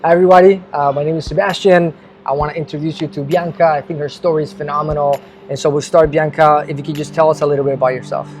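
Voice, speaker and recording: A man's voice: on the high side, fairly even intonation, fast talker, a little mellow, soft background music. A man hosting a casual interview, upbeat and encouraging, often restarting his questions. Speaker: interviewer, host. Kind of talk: casual interview, video intro.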